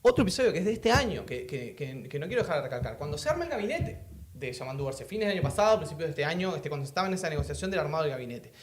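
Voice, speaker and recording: Uruguayan male podcast host, rapid lively political chat, roomy sound. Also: fairly high pitch. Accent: Uruguayan Spanish. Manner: fast, animated, many fillers and restarts.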